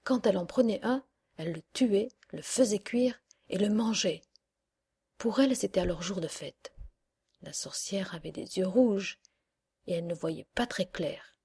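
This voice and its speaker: A woman narrating a fairy tale audiobook in a soft, hushed storytelling manner. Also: mid-range voice, a little slow, husky. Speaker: audiobook reader.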